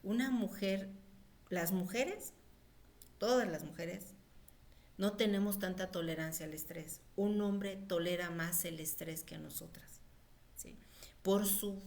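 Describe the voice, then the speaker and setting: Lowish-voiced woman lecturing informally. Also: a little mellow. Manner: conversational, with frequent fillers and acted-out quotes of mothers. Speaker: pediatric nutrition lecturer.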